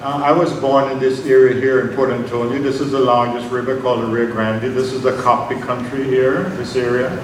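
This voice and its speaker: A man, giving an unhurried, personal academic lecture with slides and frequent ums. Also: medium pitch, little pitch movement. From Jamaica. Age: 70s. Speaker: invited lecturer. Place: large conference hall. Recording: very echoey hall, distant mic, noisy.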